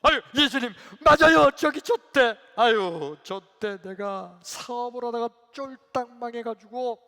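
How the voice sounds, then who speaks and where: Male pastor doing a high, loud, wailing deacon, reverberant sanctuary. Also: normal speed. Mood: lamenting. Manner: wailing, complaining, protesting. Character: distraught church deacon pleading with Jesus. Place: church sanctuary. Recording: reverberant church hall.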